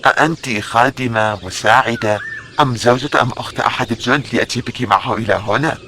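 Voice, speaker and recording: A man's voice: mid-range voice, fast, bright, forceful tone, a little hiss or hum, natural voice. A man playing stern ancient Roman soldiers and officers in an audio drama. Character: gruff Roman soldiers and commanding officers, adult men.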